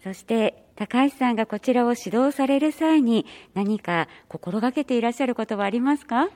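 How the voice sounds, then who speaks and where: A woman's voice: a little high, expressive, moderate pace, darkish tone. A woman hosting a community program, interviewing club members in formal, very polite phrasing. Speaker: radio host.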